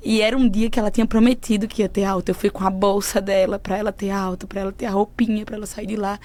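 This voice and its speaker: A woman, a podcast guest who shares a personal faith story in an earnest, emotional way that often goes soft. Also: mid-range voice, little pitch movement, fast talker. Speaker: podcast guest, mentor of women. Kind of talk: personal faith testimony in conversation.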